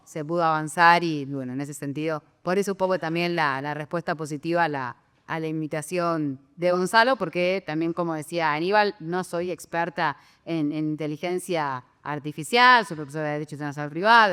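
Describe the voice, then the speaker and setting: A woman speaks as a law professor on a conference panel, in a measured way. Her voice is smooth and fairly low. A long reverb from the hall surrounds her words. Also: fairly bright tone. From Argentina. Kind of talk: panel remarks.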